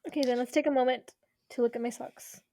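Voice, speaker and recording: Young woman, high pitch, blunt joking remarks, dry close mic. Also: fairly even intonation, fast talker, mellow, dry recording. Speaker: podcast co-host. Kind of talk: casual book-club chat.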